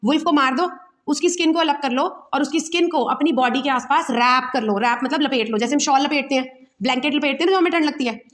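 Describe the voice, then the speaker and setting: High-voiced woman teaching a story. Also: quick pace. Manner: patient, explains each word, checks understanding. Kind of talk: story lesson for young children.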